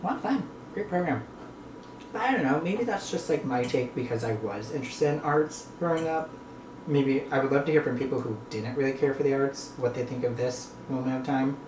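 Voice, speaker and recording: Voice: medium pitch, fairly quick. A North American vlogger chatting casually and reflectively to viewers, rambling between bites while eating. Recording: echoey room with clear background noise.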